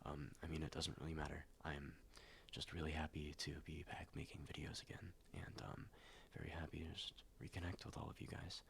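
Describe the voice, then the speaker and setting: Soft-spoken and slow, this young ASMR YouTuber has an extremely deep, gravelly voice that's a bit nasal from a cold and shows little pitch movement. His speech is full of hums, ums and likes, frequently sinking into whispers, with a faint hiss beneath it.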